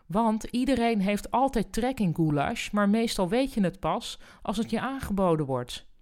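A woman's voice: mid-range voice, animated, moderate pace, darkish tone, voice pushed up, close to an everyday voice. A woman reading as an eager male guinea pig. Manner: eager, upbeat.

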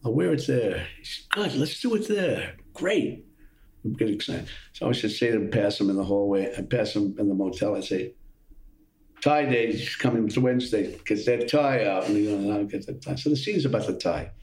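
An older man with a lowish voice recounts old film-set stories in a loose, animated way. He jumps into the voices of the people he quotes and circles back through half-finished sentences. The recording has a roomy echo around him. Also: normal speed. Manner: animated storyteller, acts out quotes, trails off and restarts. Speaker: guest actor telling stories. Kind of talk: casual anecdotal chat.

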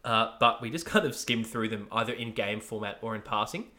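A young Australian man hosting a podcast, loud and lively, with a bright, forceful voice. He rattles along quickly and laughs easily between thoughts. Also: on the low side. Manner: loud, energetic, laughs often. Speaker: podcast host. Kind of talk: casual podcast chat.

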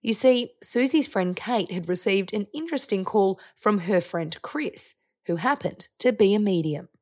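Woman, narrator, scripted, measured delivery, mid pitch. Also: animated, darkish tone.

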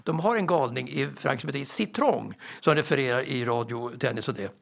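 A man's voice: mid-range voice, creaky. An older man, a sports commentator on a panel, telling anecdotes with lots of stammered repetitions. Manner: stammering repetitions, excitable storytelling.

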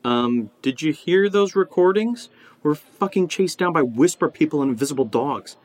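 An actor playing Steve, a blunt, sardonic and exasperated friend in a horror audio drama. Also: male voice, on the high side, animated, moderate pace, close to an everyday voice. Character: Steve, profane, exasperated, sarcastic male friend. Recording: clearly noisy background ambience.

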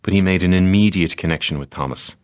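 A man giving measured, scripted narration as a documentary podcast reporter. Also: low-pitched, clean tone.

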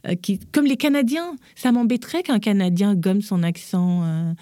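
A woman in her thirties, an interview guest, tells her life story in a lively way and acts out what others said. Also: mid-range voice, normal speed, no echo, clean studio sound. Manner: lively, acts out quotes in changed voices. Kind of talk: personal storytelling in conversation.

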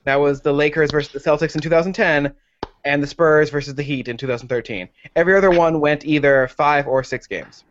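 A man on a casual podcast with a fairly high voice. He talks in a hesitant, wry way, stopping on fillers and restarting his sentences. The recording sounds dull and muffled. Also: steady tone, brisk, a little hiss or hum. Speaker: podcast co-host. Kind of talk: casual chat.

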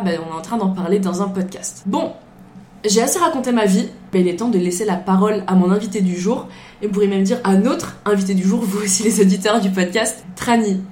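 A woman's voice: medium pitch, darkish tone. Young woman hosting a podcast, casual chatty storytelling, bit of room echo. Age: young adult. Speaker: podcast host. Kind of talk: casual podcast monologue and interview. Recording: echoey room, faint noise.

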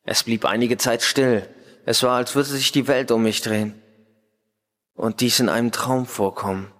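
A man reading a first-person ghost story in a slow, measured, dramatic way. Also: mid-range voice, fairly even intonation, a bit bright. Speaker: story reader.

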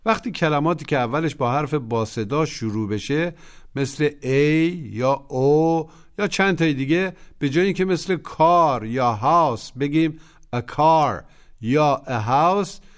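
A man narrating a language lesson, giving clear instructive prompts for listeners to repeat. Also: fairly high pitch. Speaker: language teacher.

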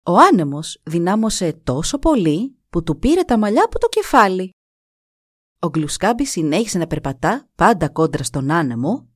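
Woman storyteller, somewhat low, expressive; dry close mic. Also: no room sound. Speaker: narrator.

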